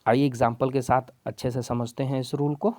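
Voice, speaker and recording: A man's voice: mid-range voice, flat delivery, brisk, warm tone, no echo. Patient male spelling teacher. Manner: patient, step-by-step, addresses viewers as friends. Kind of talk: explaining a lesson in Hindi.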